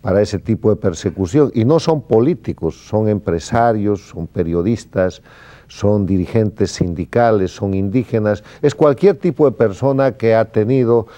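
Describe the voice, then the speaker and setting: A man's voice: fairly low pitch, moderate pace, mellow. A man from Bolivia, a guest on a television interview, making an emphatic political argument as he lists points one after another. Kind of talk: formal TV interview. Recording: dull lo-fi broadcast sound.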